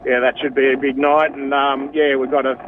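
An Australian man chatting casually as a radio interview guest, laid-back and matey with a halting delivery. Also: medium pitch, level tone. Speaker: cricket association president, interview guest. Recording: dull lo-fi line, faint noise.

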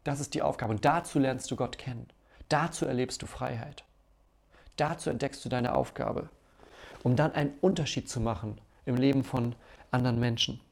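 A man's voice: medium pitch, normal speed, vocal fry. A male pastor giving a conversational sermon, acting out everyday stories as he goes.

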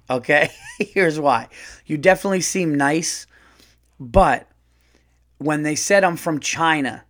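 A middle-aged man hosts a loose comedy podcast, reading listener letters aloud. He reacts bluntly and animatedly, laughing and swearing. His voice sits a bit high for a man. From United States. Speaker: podcast host.

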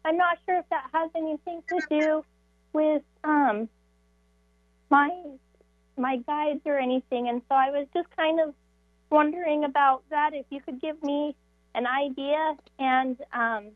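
A woman's voice: sits high, fairly even intonation, a little slow, no room sound. A woman calling in to a show, chatting hesitantly with her voice giving out, over a phone line. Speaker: call-in show caller. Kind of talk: casual chat on a call-in show. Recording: narrow, tinny phone line.

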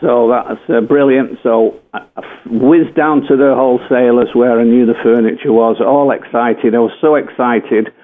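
A man's voice: medium pitch, steady tone, normal speed. An older English man, a former footballer, telling a rambling anecdote full of fillers and self-corrections. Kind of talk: anecdotal storytelling. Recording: tinny phone-like radio line.

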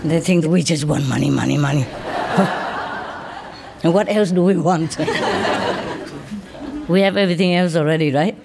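A woman's voice: sits low, measured pace, vocal fry, pauses often, noisy background. A woman in her fifties, a spiritual teacher, chatting informally with an audience, joking and chuckling often.

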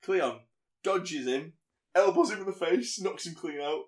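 A man co-hosting a podcast, casually retelling a film in a rambling, animated way. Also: high voice, unhurried. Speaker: podcast co-host. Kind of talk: casual film recap chat.

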